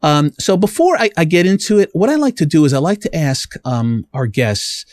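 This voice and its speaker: A man's voice: a little high, sing-song, moderate pace, a little mellow, no room sound. A man hosting a podcast, upbeat and chatty, laughing easily as he welcomes his guest. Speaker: podcast host. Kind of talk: casual podcast interview.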